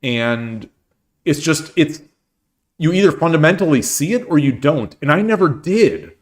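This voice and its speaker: A man with a fairly high, animated voice hosts a casual livestream, chatting at length in an unhurried way and answering chat comments. He is a native English speaker and a streamer, and his talk is full of restarts and fillers.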